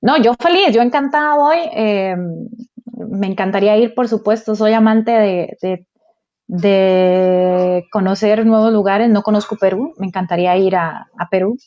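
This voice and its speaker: A woman's voice: medium pitch, measured pace, dark tone, dull audio. A woman with a Costa Rican Spanish accent, a guest educational psychologist, speaking eagerly in a casual online interview. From Costa Rica.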